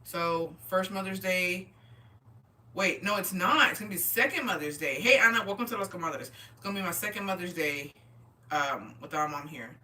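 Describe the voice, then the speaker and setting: With a lowish voice that is pushed and bright, this twenty-something host speaks at a moderate pace during a casual livestream. She is tipsy, chatting with viewers and responding to their comments using slang, swearing and Spanish words. Her voice is far from the mic.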